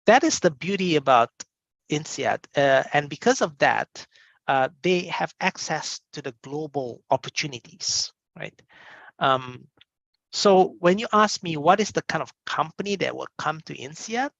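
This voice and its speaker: A man's voice: medium pitch, gravelly, a bit bright, dry recording, lo-fi sound. A man from a business school's admissions side, answering interview questions in an emphatic, conversational way and often checking in with "right?". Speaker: admissions representative.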